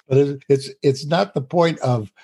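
A man's voice: on the high side, slow pace, darkish tone, breathy edge. A man co-hosting a talk show on communication, explaining points earnestly and laughing easily. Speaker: co-host. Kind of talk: conversational podcast talk on communication.

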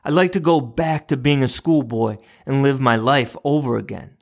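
A man voicing an old man who regrets his rushed life, speaking bluntly and plaintively. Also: mid-range voice, gravelly, darkish tone, natural voice. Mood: regretful.

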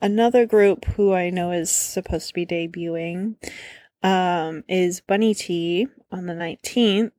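A woman's voice: on the low side, a little slow, a little mellow, no room sound. A tired woman co-hosting a podcast in casual chat, rambling and self-deprecating, laughing often. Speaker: podcast co-host.

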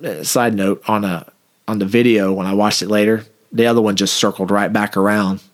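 Brief: male cop, lower voice, casual animated storyteller. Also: a little fast. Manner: animated anecdote with acted-out quotes. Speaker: police officer.

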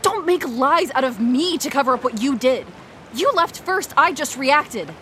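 Casting: actress for intense young female best friend, high voice, earnest and insistent, wounded, audio drama, noisy ambience. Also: lively intonation, unhurried, pushed and bright, full character voice. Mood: hurt, confrontational.

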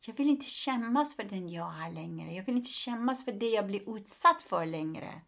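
A woman's voice: mid-range voice, expressive, creaky, a bit bright. A woman comedian talking frankly in a casual interview, laughing often and using many fillers.

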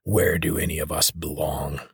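Weary maimed mutant, gravelly rasp, half-whispered; a man plays him. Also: a bass voice, level tone, normal speed, dry recording, clean studio sound, pitched below the performer's own voice, heavily acted. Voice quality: hoarse, rasping. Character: maimed mutant male leader, weary, rasping.

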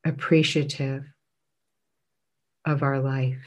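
A man leading a guided breath meditation as a teacher, speaking gently in measured phrases with long pauses between them. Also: mid-range voice, level tone.

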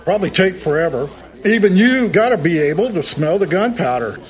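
A man's voice: high-pitched, lively intonation, fairly quick. A man voicing a crude, cocky police officer in an audio drama, making flippant jokes. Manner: flippant, joking. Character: crude, cocky male cop partner.

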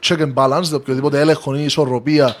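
A man's voice: medium pitch, level tone. A man with a Cypriot Greek accent, explaining his opinions as a guest in a podcast discussion.

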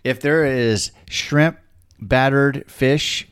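A man's voice: mid-range voice, extremely slow, clear, resonant tone, dry recording, clean studio sound. A man co-hosting a casual chat, telling stories with energy and acting out quotes. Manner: animated storyteller, acts out quotes.

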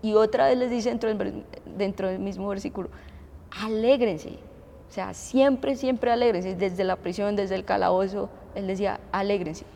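A woman in her thirties with a Colombian accent, preaching a sermon in an animated way and asking the congregation questions. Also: mid-range voice, moderate pace, creaky, big-room sound. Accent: Colombian Spanish. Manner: animated, asks the audience questions, acts out shouting.

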